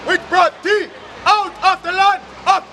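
A man reading scripture aloud on a city street at night, announcing book, chapter and verse before reading loudly. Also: very high-pitched, fairly even intonation, measured pace, gravelly. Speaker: scripture reader. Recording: street noise and crowd.

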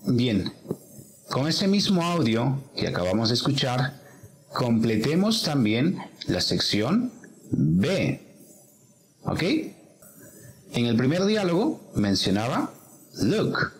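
A man's voice: medium pitch, sing-song, slow, long pauses, poor audio. A man teaching an English pronunciation lesson, explaining patiently step by step.

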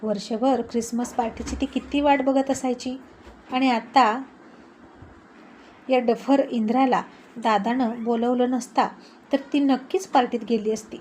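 Woman storyteller; fairly high voice, steady reading, faint hiss. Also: a little slow, long pauses, rough recording. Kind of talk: scripted story narration.

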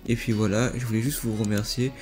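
A man's voice: on the low side, flat delivery, a little fast, a little mellow, soft background music. A young man, a gaming YouTuber, rambling through casual reaction commentary on viewer clips and often repeating himself.

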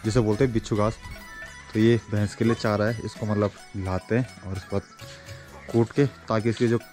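This Uttarakhand vlogger, a man in his 20s, speaks at a normal pace in a lowish, slightly mellow voice with flat delivery, chatting playfully to his audience. The casual vlog is filmed in a village house kitchen and stone courtyard, with music underneath.

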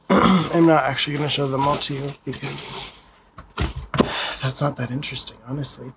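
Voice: medium pitch, steady tone, normal speed, gravelly, background noise. A vlogger giving a casual video update from home, chatting loosely and showing items to the camera. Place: home, indoors.

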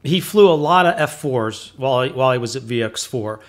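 A man's voice: mid-range voice, lively intonation, fairly quick. A man in his fifties with an American accent, hosting a casual interview into a close microphone in a home office. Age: 50s. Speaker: interviewer, host. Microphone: close boom microphone.

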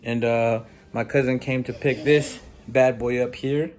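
A man's voice: medium pitch, steady tone, unhurried. A man chatting casually in an easygoing, storytelling way for his vlog. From Texas, US. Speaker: barber and vlogger. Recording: loud background noise, traffic.

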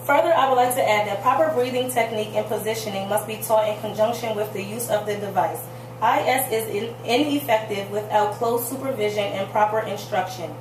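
A woman's voice: medium pitch, brisk. A woman giving a formal, scripted instructional explanation as if reciting it. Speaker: presenter. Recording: distant mic, echoey room, clear noise.

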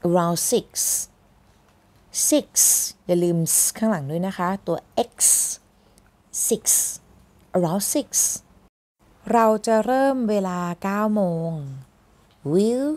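A Thai woman teaching everyday English phrases, saying each word slowly one at a time and then repeating the whole phrase. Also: medium pitch, animated, a little mellow. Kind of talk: slow English phrase lesson.

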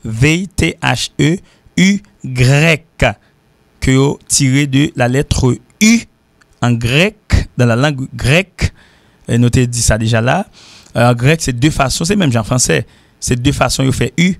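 A man from Haiti with a Haitian accent, teaching an informal language lesson and repeating example sentences slowly. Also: medium pitch, gravelly, no room sound. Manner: repeats example sentences slowly, switching between French and Creole. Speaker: English teacher.

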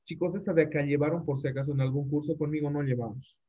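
A man's voice: a little high, fairly even intonation, fast talker, dark tone, dull audio. A man teaching an English grammar lesson, repeating his points and often checking that the students understand. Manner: repetitive, checks understanding with frequent tag questions. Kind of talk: classroom lesson explaining grammar.

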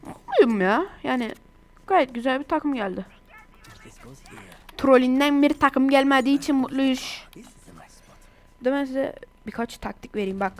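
A woman talks over her gameplay in a high, bright-toned voice. She chats casually and gets excitable, often breaking into exasperated outbursts. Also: measured pace, pauses often, a little hiss or hum. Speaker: gaming YouTuber.

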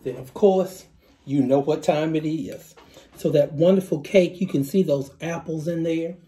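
A man's voice: a little high, measured pace, mellow. A middle-aged man hosting a cooking demonstration in a home kitchen, explaining each step and repeating the key points. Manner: instructive, repeats key steps, savoring exclamations. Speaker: cooking show host. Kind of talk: recipe demonstration. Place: home kitchen, indoors, small.

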